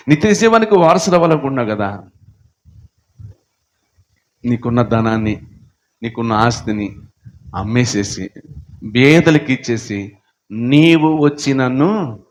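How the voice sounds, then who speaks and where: Slow, fiery male preacher. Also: lively intonation, slight background noise. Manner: swings from low murmurs to shouted high appeals; repetitive rhetorical questions. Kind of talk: sermon.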